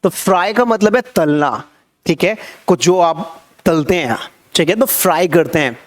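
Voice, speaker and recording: A man's voice: sits high, animated, a little slow. A young man teaching English vocabulary in Hindi, repeating each word and quizzing his viewers as he goes. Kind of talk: Hindi-language vocabulary lesson.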